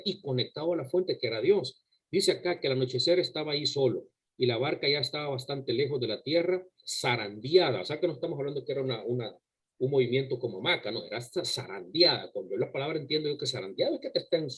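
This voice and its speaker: A man's voice: mid-range voice, breathy edge, low-quality recording. A man preaching a sermon to his congregation, emphatic and full of rhetorical questions, often repeating words as he goes. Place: church service before a congregation.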